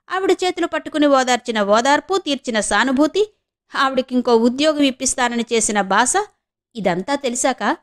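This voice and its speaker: A woman's voice: high-pitched, a little mellow. A woman voicing a proud, domineering rich wife in an audiobook, taunting and sharply contemptuous. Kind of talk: audiobook character reading.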